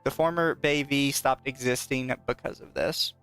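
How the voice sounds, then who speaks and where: Speaking at a moderate pace with a smooth, medium-pitched voice and fairly even intonation, a man co-hosts a laid-back podcast. He often reads aloud with mockery and profanity, laughs easily, and is accompanied by soft background music.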